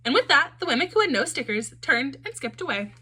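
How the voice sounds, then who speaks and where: Woman reading a kids storybook out loud, lively up and down voice, bright and high. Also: a little fast. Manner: expressive, animated. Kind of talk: reading a children's storybook aloud.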